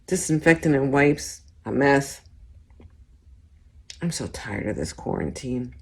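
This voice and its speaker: A woman with a low-pitched voice performs a comic monologue in verse. Her pace is slow and deliberate. The delivery is theatrical, swinging between hushed tones and bold exclamation. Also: sing-song, creaky, slightly rough. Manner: dramatic delivery, shifting between hushed whispers and loud exclamations.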